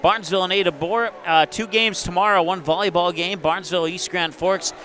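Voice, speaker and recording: A man's voice: sits high, steady tone, fairly quick, bright, forceful tone, slight background noise. A man hosting a sports broadcast with casual, self-deprecating pregame banter.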